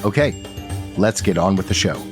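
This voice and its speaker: A man with a fairly low voice serves as dungeon master and host of a tabletop roleplay show, shifting from a bright, announcer-like welcome to a steady recap of the story. He speaks at a normal pace over clearly audible music in this podcast intro and recap.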